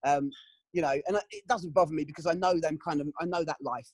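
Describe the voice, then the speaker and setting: A middle-aged man giving candid, emotional testimony in an interview, often pausing with "um" and "you know". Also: a little high, steady tone, husky, no room sound, low-quality recording. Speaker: interview guest.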